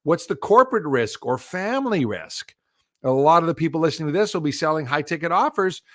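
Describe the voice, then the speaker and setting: A middle-aged man giving a live virtual business talk over a video call, telling stories with lively acted-out quotes. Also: fairly high pitch, a little fast, dry recording, studio quality. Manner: animated storytelling, acts out quoted voices. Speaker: business speaker.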